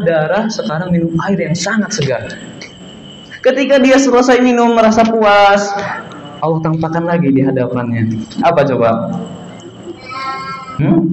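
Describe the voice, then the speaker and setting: A man's voice: high voice, slight background noise. A young man telling a religious story to children in a mosque, often asking the kids questions. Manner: asks the audience questions, lively. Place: mosque hall. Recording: echoey, slightly dull mosque recording.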